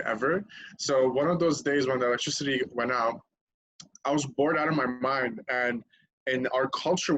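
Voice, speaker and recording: A man's voice: mid-range voice, fairly bright tone, rough recording. A young man from Lebanon, a podcast guest telling his story candidly in casual chat, swearing freely and laughing at himself.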